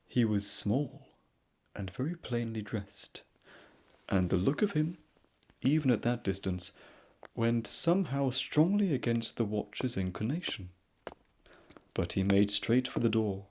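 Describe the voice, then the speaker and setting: A soft-spoken man narrating a classic story in a slow, measured manner. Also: fairly low pitch.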